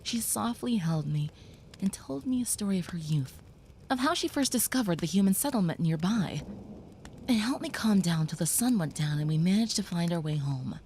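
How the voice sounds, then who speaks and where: In an audio roleplay, a woman plays a gentle young female vampire comforting a human listener, speaking softly and often whispering. Her voice is lowish and animated, the pace moderate, with slight background noise.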